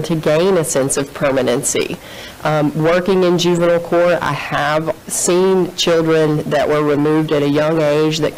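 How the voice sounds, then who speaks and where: A woman's voice: deep voice, a little mellow, low-quality recording. A woman in her thirties giving formal, careful testimony from a courtroom witness stand into a desk microphone.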